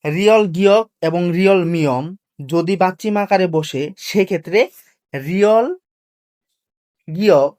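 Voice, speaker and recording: A patient teacher walks through a video lesson. They ask quick questions of the audience, answer them, and repeat each point carefully. The pitch sits in a middle range. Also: darkish tone. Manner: slow, careful drilling of pronunciation rules. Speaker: language teacher. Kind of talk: classroom-style video lesson.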